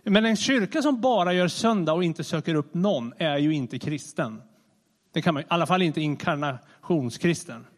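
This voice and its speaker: A man preaching a sermon in a conversational, animated way, often restarting his sentences. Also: fairly high pitch. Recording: long reverb of a large hall.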